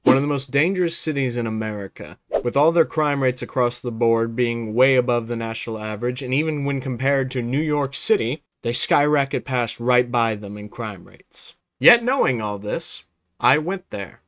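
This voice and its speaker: A young man vlogging a road trip from inside a car, joking and crude in a deadpan way. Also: mid-range voice, moderate pace, no echo. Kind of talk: casual vlog narration and banter. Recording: noisy in-car camera audio. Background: car road noise.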